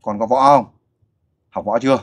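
A middle-aged man hosting a casual interview, coaxing and animated as he questions a child and a father. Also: fairly low pitch, normal speed, slightly rough. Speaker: host interviewer for a volunteer group.

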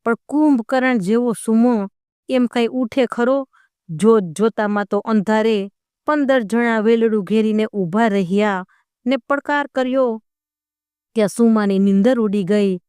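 A woman's voice: on the high side, measured pace, a little mellow, clean tone, no room sound, studio quality. A woman narrating a dramatic folk tale in a storytelling style.

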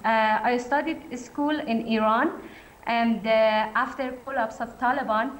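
Slow, halting woman from Afghanistan on a video link, higher voice, echoey. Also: fairly even intonation, a little hiss or hum. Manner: halting, with many pauses. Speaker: NGO director and journalist. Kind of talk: speaking over a video link. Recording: echoey video-call audio over room speakers.

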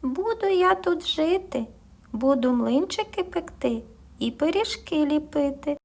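A woman's voice: sits high, expressive, measured pace, vocal fry, darkish tone, voice pushed up, heavily acted. Woman doing a cheerful little mouse. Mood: delighted.

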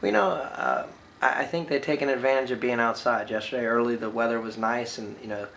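A man in his thirties, a baseball coach giving a postgame interview, talking quickly and filling pauses with "you know". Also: mid-range voice, creaky, a bit bright, slight background noise, low-quality recording. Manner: filler-heavy, with frequent "you know"s. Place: indoor room by large windows.

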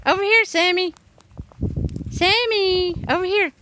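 A woman's voice: very high voice, measured pace, sharp tone, a little hiss or hum. A woman in her sixties, an RV vlogger, chatting casually as she films outdoors in the desert and coaxes her dog. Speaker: RV travel vlogger. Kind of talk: casual vlog narration while filming. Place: outdoors in a desert canyon and campsite.

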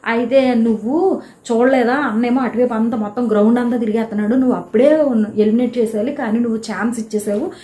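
A woman giving a casual, animated recap of a reality show episode, telling who quarreled with whom. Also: fairly high pitch, quick pace. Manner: chatty, animated retelling of quarrels. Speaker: show reviewer. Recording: echoey room.

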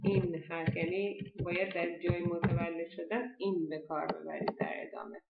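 A woman teaching a language lesson, explaining step by step and saying the foreign words slowly and carefully. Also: on the low side, fairly even intonation, creaky, over a noisy crowd. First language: Persian. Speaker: German teacher. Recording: dull lo-fi echoey room.

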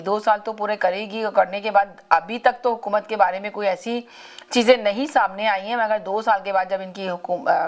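A woman hosting a live call-in talk show, speaking, often repeating and restarting phrases as she urges callers to choose their words politely. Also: mid-range voice.

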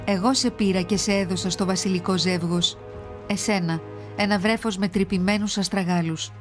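A woman narrator voicing a male royal messenger in an animated myth series, reading his words in a measured, solemn way. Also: mid-range voice, faint music behind, natural voice.

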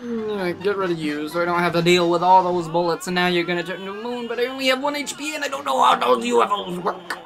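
A let's play gamer giving excitable gameplay commentary and exclaiming often while playing. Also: mid-range voice, fast, creaky, few pauses.

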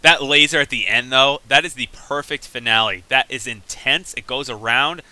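A man giving excitable, chatty gameplay commentary, reacting aloud as he plays. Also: medium pitch, normal speed, dry recording, low-quality recording. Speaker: let's play gamer.

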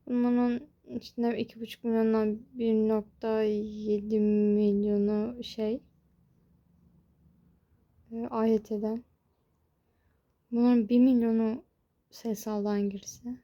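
Here the young exam student vlogs from her bedroom, complaining with exasperation about exam prep in a casual rant. She speaks slowly and flatly in a higher register, pausing often, and the recording's highs are cut off.

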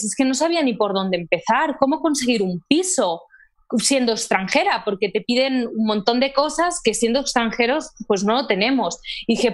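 Young woman, Spanish accent from Barcelona, fairly high voice, chatty and warm, video call on earphones. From Catalonia, Spain. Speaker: actress, guest. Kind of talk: casual interview chat. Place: home room, indoors. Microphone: earphone headset on a video call.

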